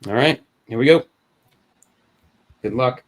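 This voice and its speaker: A man's voice: medium pitch, takes it slowly. Chatty man hosting a giveaway stream. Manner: loose, chatty, trails off and restarts. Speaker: host of a card giveaway stream. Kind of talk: casual live-stream chat.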